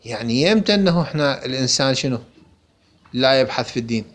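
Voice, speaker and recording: A man's voice: medium pitch, expressive, fast talker, fairly bright tone. A man with an Iraqi accent giving a religious lesson, explaining a book and answering his own questions. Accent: Iraqi Arabic. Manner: rhetorical questions answered himself. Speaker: religious teacher. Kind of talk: lecture explaining a text.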